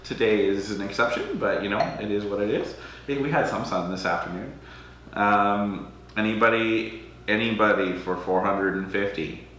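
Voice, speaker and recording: A man's voice: lowish voice, moderate pace, fairly bright tone, slight background noise. A young man from Alberta, Canada, hosting a charity auction on a livestream, chatty and self-deprecating, often hesitating with ums. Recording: very echoey room.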